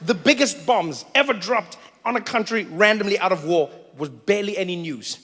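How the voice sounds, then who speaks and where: A man performing a stand-up comedy set on stage, telling stories animatedly and shifting between loud bursts and quiet asides. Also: high voice, animated, moderate pace, long reverb tail.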